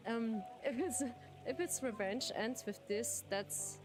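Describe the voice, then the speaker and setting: A giggly German-speaking woman streamer chats slowly and casually with her viewers, laughing often. Her voice sits a little high, and game music plays in the background.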